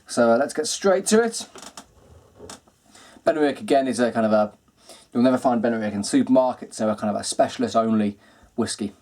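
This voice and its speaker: Man, mid-pitched, easygoing whisky vlogger, chatty and unhurried. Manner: relaxed and chatty, many ums and kinds of. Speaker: whisky reviewer, host. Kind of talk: casual video review.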